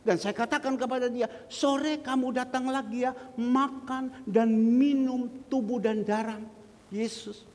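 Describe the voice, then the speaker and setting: A man preaching a sermon as pastor, speaking straight to his congregation and reading scripture verses slowly. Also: very high voice, steady tone, a little mellow. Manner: addresses the congregation directly, quotes scripture slowly. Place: church hall. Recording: long church hall reverb.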